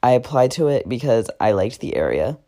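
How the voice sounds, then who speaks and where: A man's voice: mid-range voice, sing-song, a little fast, mellow. A teenage guy talking casually in a diary-style podcast, rambling with many fillers and self-corrections. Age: teens. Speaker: podcast host.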